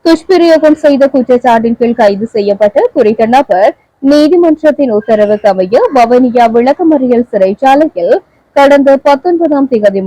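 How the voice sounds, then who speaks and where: A woman with a Sri Lankan Tamil accent reads the evening news in a steady, formal manner. Her voice is high yet mellow in tone. The recording is close and dry. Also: dry recording, rough recording. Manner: steady, measured, formal delivery. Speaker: newsreader.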